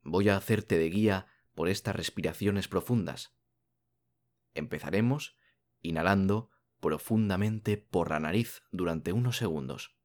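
Like a bedtime storyteller, a man in a low voice guides a calming sleep meditation, his slow, soothing phrases broken by long pauses.

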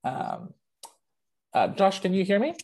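Hoarse webinar host, chatty, lots of ums, video call. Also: medium pitch, very animated, slow, darkish tone, rough recording. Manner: informal, filler-heavy, chatty. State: hoarse from a throat infection. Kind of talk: hosting a live online webinar.

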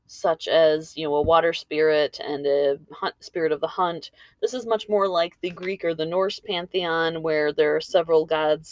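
A woman's voice: sits low, dry recording. A woman hosting a story podcast, telling tales and chatting in an informal way with rambling asides. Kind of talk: storytelling and casual commentary. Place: room in a house.

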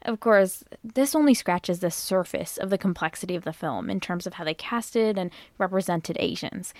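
A woman hosting an explainer, reading a script in a measured, earnest way. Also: fairly low pitch, dry recording. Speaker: host. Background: faint background music.

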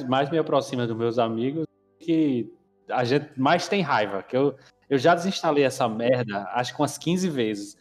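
Young brazilian portuguese guy chatting, lots of slang n swearing, echoey reverb, bit of music under. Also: mid-range voice. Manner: slangy, swearing, animated storytelling. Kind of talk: casual chat.

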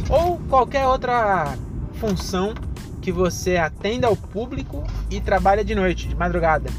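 High-voiced sleepy Brazilian man rambling while driving. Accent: São Paulo state Brazilian. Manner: rambling, self-deprecating joking, slangy. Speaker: podcast host and comedian. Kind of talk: casual solo podcast monologue. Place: inside a car while driving. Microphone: handheld phone. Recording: phone recording in moving car, music.

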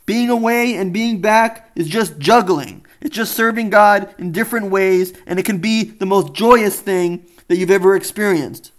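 A man's voice: sits high, normal speed, hardly any pauses. A man giving a spoken Torah lesson, earnest and telling stories with quoted dialogue. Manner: earnest, storytelling with acted quotes. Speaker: rabbi teacher.

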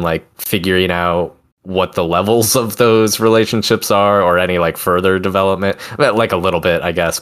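Deep, smooth-voiced male podcast co-host. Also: a bit bright. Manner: hesitant, restarts sentences often. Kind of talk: casual chat.

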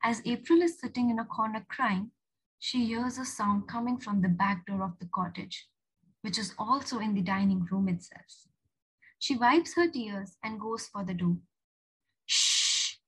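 A woman narrating a short story aloud in an expressive, animated manner. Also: medium pitch, normal speed, husky, poor audio.

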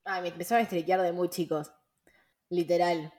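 A woman's voice: lowish voice, steady tone, brisk, a little mellow. A young woman with a Rioplatense Spanish accent, hosting a casual podcast chat, slangy and full of fillers and laughing asides. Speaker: podcast host.

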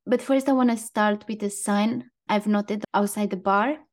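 A woman's voice: mid-range voice, fairly even intonation, moderate pace. A woman co-hosting a casual podcast, talking in an easy chat and reading quotes aloud. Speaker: podcast co-host.

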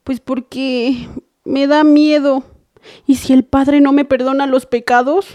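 A woman's voice: sits high, little pitch movement, takes it slowly, warm tone, no room sound, lo-fi sound. A woman playing a nervous, fidgety young daughter, whining and pleading in a comedy sketch. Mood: whiny.

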